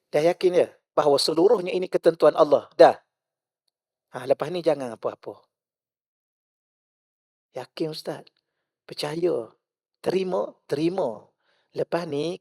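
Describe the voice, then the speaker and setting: A male religious teacher with a Malaysian Malay accent, giving a mosque lecture full of rhetorical questions, shifting between loud and hushed. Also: fairly high pitch, gravelly, dry recording, studio quality.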